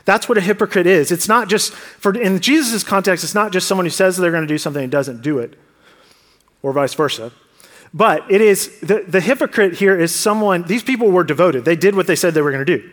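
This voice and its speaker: A man's voice: sits high, a little fast, a bit bright. A man preaching a sermon as pastor, earnest and conversational, asking the congregation rhetorical questions. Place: church sanctuary. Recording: long church hall reverb.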